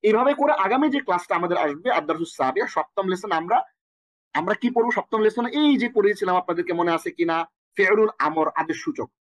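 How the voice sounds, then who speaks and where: A young Bangladeshi man with a high voice teaches an Arabic lesson in Bengali, rattling off verb forms in rhythmic runs. The recording is dry and close, with no room around him. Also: lively intonation, fairly bright tone, dry recording. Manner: rapid rhythmic recitation of conjugations with Bengali glosses. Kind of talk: online language lesson, drilling verb forms.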